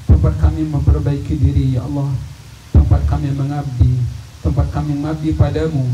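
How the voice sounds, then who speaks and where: A man leading a gathering in a long, slow prayer, with many repeated appeals to God. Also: on the high side, flat delivery. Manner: slow, repetitive supplication with frequent "ya Allah". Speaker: prayer leader. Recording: echoey, distant, dull and noisy hall recording.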